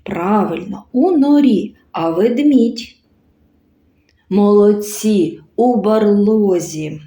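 A woman teaching a speech-sounds lesson to small children, asking coaxing questions and articulating slowly and clearly. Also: mid-range voice, mellow. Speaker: kindergarten teacher. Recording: roomy echo.

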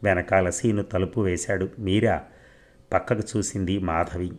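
A man narrates a serialized novel in a steady, even storytelling delivery. His voice sits low and deep, suited to a long audiobook reading.

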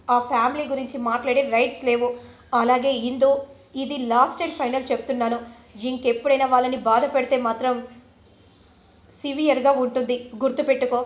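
A woman voicing an angry, stern middle-aged father who scolds loudly, in an echoey room. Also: high-pitched, natural voice. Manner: loud scolding, raised voice. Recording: roomy, slightly dull recording.

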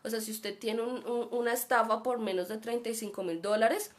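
A woman's voice: a little high, fairly even intonation, fairly quick. A woman with a Colombian accent teaching an online class and telling a personal story, acting out the voices of the people in it. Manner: chatty, acts out voices in her story.

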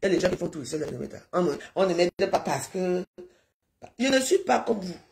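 A woman's voice: fairly low pitch, lively intonation, fairly quick, creaky, noisy background. A middle-aged woman from Cameroon, talking in a rambling, pleading live-stream monologue that repeats itself.

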